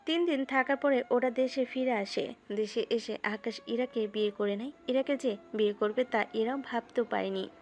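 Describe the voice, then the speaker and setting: Higher-pitched woman narrating romantic fiction. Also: normal speed. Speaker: story narrator. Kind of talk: scripted narration of a romantic story.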